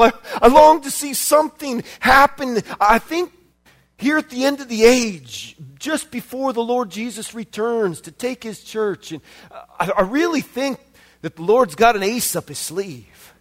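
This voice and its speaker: A man preaching a sermon as a visiting preacher, impassioned, repeating his phrases and building up to shouts. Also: very high voice, measured pace.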